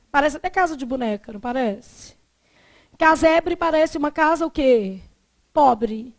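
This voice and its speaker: A middle-aged Brazilian woman teaching a Portuguese grammar lesson, chatty and asking the class rhetorical questions. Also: sits high.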